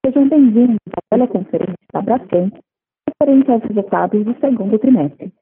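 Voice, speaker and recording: A woman's voice: a little high, a little fast, a little hiss or hum. A woman with a Brazilian accent reads a scripted conference call announcement as an operator, in a polite, formal customer service voice. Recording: muffled lo-fi conference phone line.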